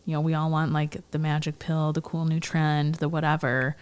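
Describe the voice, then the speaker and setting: A woman's voice: low-pitched, monotone, moderate pace, clean tone. A woman who is a chiropractic physician, guesting on a casual podcast, chatty and emphatic, saying "like" a lot. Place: home room with a dog nearby.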